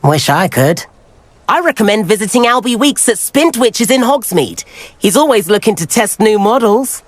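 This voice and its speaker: A man's voice: sits high, sing-song, normal speed, no echo. A man voicing a friendly, adventurous teenage schoolboy in a video game, chatty and well-spoken. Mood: friendly, wistful. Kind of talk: video game character acting.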